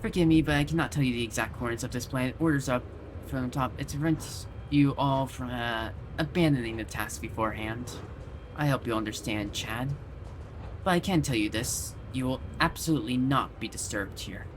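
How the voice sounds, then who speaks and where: A man voicing a confident male corporate figure, reading game dialogue aloud in a brisk, persuasive way. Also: medium pitch, slight background noise, close to an everyday voice.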